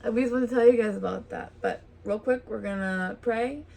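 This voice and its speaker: A woman's voice: fairly high pitch, normal speed, vocal fry, dark tone. A woman hosting a vlog, chatting casually while eating a meal at home. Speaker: vlog host. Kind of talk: casual chat over a meal.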